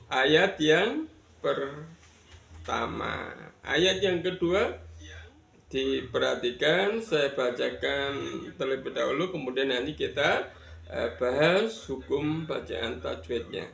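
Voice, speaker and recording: A man's voice: mid-range voice, expressive, takes it slowly, gravelly, fairly bright tone. A man from Indonesia teaching Quran reading rules, patiently spelling out letters and counting learners in. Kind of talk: tajwid lesson with recitation. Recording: echoey room.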